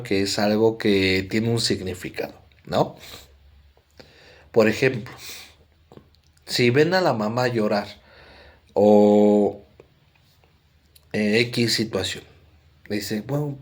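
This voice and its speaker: A man's voice: medium pitch, darkish tone. Man, Mexican accent, explanatory lecture, conversational, filler words, mid-range voice. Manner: conversational, frequent "¿no?" tags and fillers. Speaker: psychology presenter.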